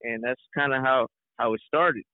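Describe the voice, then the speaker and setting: Speaking at a normal pace in a medium-pitched voice, this interview guest, a young Mexican-born rapper and reggaeton singer who grew up in Houston, sprinkles "you know" through his relaxed talk. The audio is tinny and phone-narrow, without echo.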